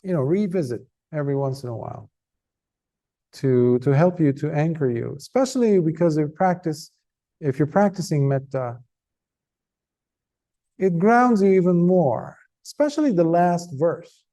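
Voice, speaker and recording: Man, Buddhist monk, Dhamma talk, earnest, emphatic, tired, mellow tone. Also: fairly high pitch, animated. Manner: earnest, emphatic, conversational with pauses.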